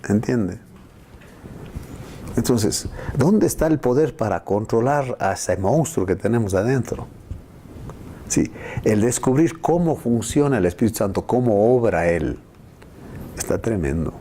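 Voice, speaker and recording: A man preaching a discipleship lesson as a pastor, animated and jumping into high voices to act out the people he quotes. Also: a little slow, pauses often, a little hiss or hum.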